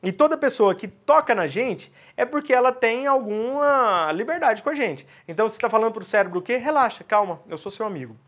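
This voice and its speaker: A man's voice: very high voice, animated, a little fast, hardly any pauses, fairly bright tone. A man teaching sales communication, talking straight to his viewers and answering his own questions. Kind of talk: instructional talk to camera.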